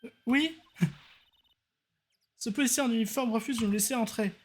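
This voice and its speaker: A streamer voicing a bubbly teenage girl magician sidekick from a courtroom game, pitched high and eager. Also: a little slow, slight background noise, close to an everyday voice. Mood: chirpy. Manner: high chirpy eager delivery.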